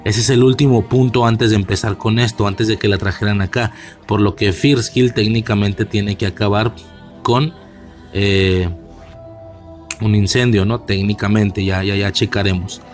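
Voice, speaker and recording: A man's voice: lowish voice, fairly even intonation, moderate pace, faint music behind. A man with a Mexican accent giving a casual film commentary, rambling and slangy, with many fillers and restarts. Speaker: movie reviewer.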